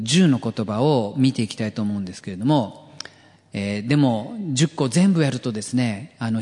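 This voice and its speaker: A man preaching a sermon as pastor, earnest and gently humorous, often letting phrase ends drop to a whisper. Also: medium pitch, in a large hall. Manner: light jokes for the congregation.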